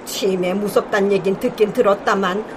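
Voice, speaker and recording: An actress playing a proud, quick-tempered older grandmother who scolds and sighs theatrically. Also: mid-range voice, fairly even intonation, noisy background, close to an everyday voice. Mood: scolding. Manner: scolding, sighing, melodramatic. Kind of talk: TV or radio drama acting.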